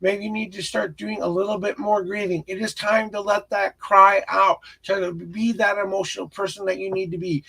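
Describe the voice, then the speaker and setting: Hosting a live tarot reading stream, a man offers a viewer casual spiritual guidance in an earnest, encouraging, meandering way. His notably high voice is husky and raspy with a gravelly, crackly edge, sounding pushed and bright.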